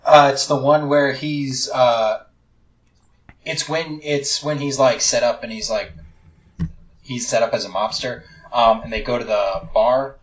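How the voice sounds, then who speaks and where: A man co-hosting a podcast, chiming in with questions and halting comments about a film. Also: medium pitch, fairly even intonation, low-quality recording. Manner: jumps in with questions and favorite scenes, halting. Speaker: podcast co-host. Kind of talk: casual movie chat.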